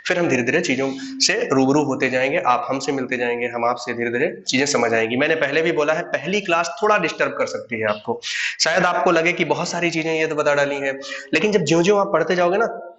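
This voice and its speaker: A man's voice: fairly high pitch, a bit bright, roomy sound, lo-fi sound. A young man teaching a grammar lesson to online students, who asks questions and then answers them himself.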